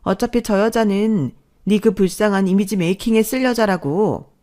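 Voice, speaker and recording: A woman voicing a brash sister-in-law who sneers loudly and threatens. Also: medium pitch, moderate pace, lightly acted. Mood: sneering. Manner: sneering, loud.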